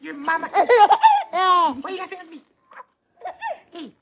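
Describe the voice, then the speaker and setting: A woman's voice: very high voice, fairly even intonation, moderate pace, vocal fry, dull audio. A woman playing with a baby, talking to it in teasing, sing-song baby talk. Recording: noisy home phone video.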